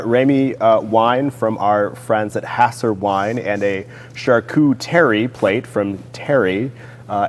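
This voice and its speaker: A man co-hosting a casual chat show, easygoing, reading out sponsor thanks. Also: lowish voice. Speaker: co-host. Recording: long reverb of a theater hall with faint noise.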